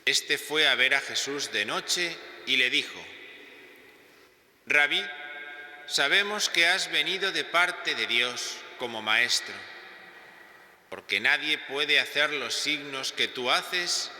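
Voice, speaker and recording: Priest, male, very bright tense tone, calm preaching; roomy cathedral echo, long reverb. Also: fairly high pitch, slow pace, pauses often. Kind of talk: gospel reading and homily. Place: large church. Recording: echoey church with long reverb.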